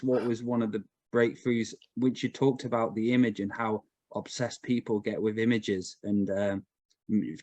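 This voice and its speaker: Halting, low-voiced man asking questions. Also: darkish tone, no room sound. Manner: rambling, halting questions with many fillers. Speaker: host. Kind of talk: casual group chat.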